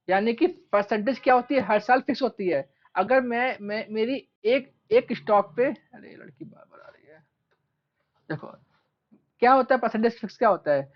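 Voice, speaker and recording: Male teacher, classroom lecture; repeats and stretches key terms; dull recording. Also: high-pitched. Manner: asks questions and answers them himself, repeats key terms; stretches out terms slowly while writing. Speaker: commerce teacher.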